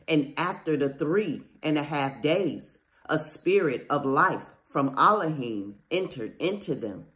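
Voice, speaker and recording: A scripture reader in a measured, solemn style. The delivery is very slow and deliberate, with each phrase set apart. The pitch sits in an ordinary middle range. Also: a bit bright.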